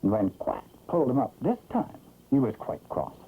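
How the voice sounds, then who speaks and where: A narrator telling a children's story in an expressive, theatrical vintage 1960s cartoon style. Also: mid-range voice, moderate pace, breathy edge. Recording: old tinny, noisy cartoon soundtrack.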